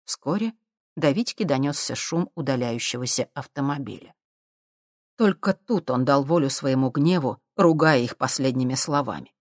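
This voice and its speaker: Low-voiced woman narrating an audiobook. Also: expressive, normal speed, dry recording, clean studio sound. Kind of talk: scripted narration.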